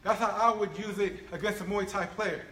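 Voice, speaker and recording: A man teaching martial arts feints and stances, coaching in an animated way and checking in with "right?" and "all right?" as he demonstrates. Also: high voice, moderate pace. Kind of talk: instructional demonstration. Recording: echoey room with faint ambience.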